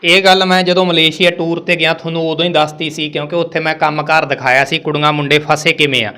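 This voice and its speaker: Man as interviewer, tense bright voice, slightly high, probing questions. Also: flat delivery, fast, clear, resonant tone. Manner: probing questions with frequent soft acknowledgments. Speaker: interviewer host. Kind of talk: interview questions in casual Punjabi.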